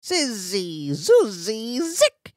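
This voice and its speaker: A man voicing a wicked old witch with shrill, commanding cries. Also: wildly swooping pitch, measured pace, a bit bright, no room sound, clean studio sound, exaggerated voice.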